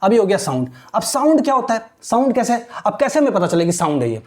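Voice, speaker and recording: A man's voice: high voice, big pitch swings, fast talker. A man teaching a grammar lesson, checking in with his students after nearly every line. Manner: mixes Hindi and English, keeps asking "ठीक है ना?". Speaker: English teacher. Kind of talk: classroom lesson.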